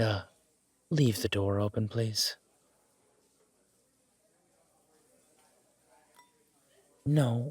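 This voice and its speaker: In an intimate, conversational audio roleplay, a man plays a charming mafia boss smitten on a date, teasing and earnest in a husky voice. His pitch is fairly low and a little mellow, the mood teasing and casual, and the recording dry.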